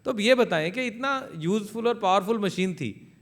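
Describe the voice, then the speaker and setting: A man's voice: high-pitched, lively intonation, normal speed, vocal fry. A man giving a public speech at a launch event in a hall, telling an anecdote into a stage microphone. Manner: storytelling, grows loud when acting out the scene. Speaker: invited speaker at a launch event.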